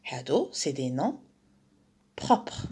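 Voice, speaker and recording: A woman's voice: rumbling low, very animated, dark tone, husky. A young woman, a French teacher from Algeria, explaining a primary school textbook page and switching between French and Algerian Arabic, with her own Algerian accent. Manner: mixes French with Algerian Arabic, repeats key words slowly.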